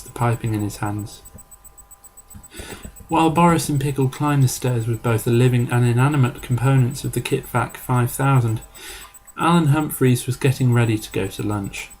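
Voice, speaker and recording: Man narrating a story in a measured voice. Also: medium pitch, a little mellow, slight background noise, rough recording. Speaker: story reader.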